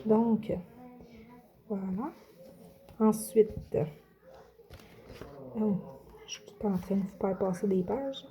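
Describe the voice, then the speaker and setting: Speaking slowly with long pauses, this adult coloring vlogger presents her coloring books in a relaxed show-and-tell video. Her mid-range voice has a dark tone, and she hesitates often, using many fillers and starting over.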